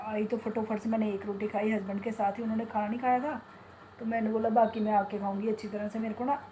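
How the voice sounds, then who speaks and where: A woman's voice: mid-range voice, mellow, slight background noise. A middle-aged woman chatting casually to her phone camera at home, rambling about her day and talking to her pet. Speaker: vlogger. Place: home kitchen and bedroom. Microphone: phone in hand.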